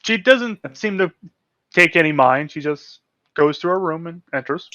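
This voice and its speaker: A man's voice: a little high, expressive, moderate pace, pushed and bright, dry recording, highs cut off. A man narrating as game master in a tabletop game, hesitant, with frequent fillers and restarts.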